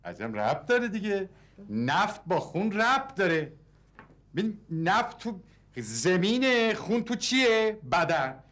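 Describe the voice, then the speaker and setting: A man's voice: high voice, sing-song, a bit bright. An actor playing a fussy, wry father in a sitcom, polite one moment and grumbling the next. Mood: explaining. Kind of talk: sitcom acting.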